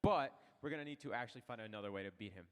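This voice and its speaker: A teenage boy co-hosting a school science show with a quick, playful delivery. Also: on the low side, clear, resonant tone. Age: late teens. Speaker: host. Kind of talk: scripted stage hosting. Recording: echoey auditorium sound.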